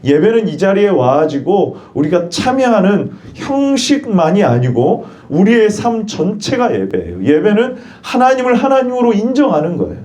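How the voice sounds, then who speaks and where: A man's voice: sits high, huge pitch swings, normal speed, few pauses, warm tone. A male pastor preaching a sermon in church. He poses questions and leads the congregation in repeating phrases.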